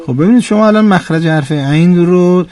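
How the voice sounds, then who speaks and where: A man's voice: high voice, darkish tone, no echo, soft background music. Patient man teaching recitation on radio, dry studio mic. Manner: patient, correcting pronunciation step by step. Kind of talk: radio call-in lesson.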